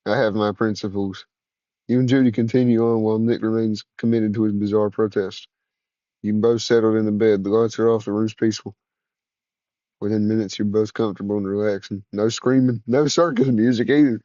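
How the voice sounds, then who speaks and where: Mellow man narrating a second-person story. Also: lowish voice, steady tone, a little fast, no room sound, highs cut off.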